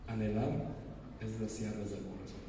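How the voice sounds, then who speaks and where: A man's lowish, steady voice carries a sermon at a moderate pace as he puts rhetorical questions to his congregation. He is a pastor in a church sanctuary, recorded far from the mic in an echoing hall with a noisy background.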